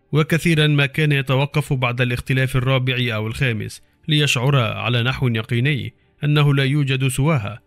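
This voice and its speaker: A man's voice: mid-range voice, no room sound. A middle-aged man reading a horror story aloud as a dramatic audiobook narrator.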